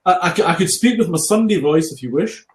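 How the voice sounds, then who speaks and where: A man's voice: on the high side, lively intonation, fairly quick. A man with a broad Scottish accent, chatting casually as a guest on an online video call. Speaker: guest, safety training consultant. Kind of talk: casual chat. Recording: roomy, echoing sound.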